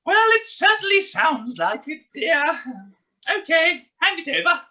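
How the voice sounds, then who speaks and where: A woman's voice: very high voice, sing-song, measured pace, pushed and bright, dull audio, full character voice. A woman playing a fussy, doting pantomime mother, a poor widow, with theatrical exclamations in comic stage style. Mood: scolding, dramatic.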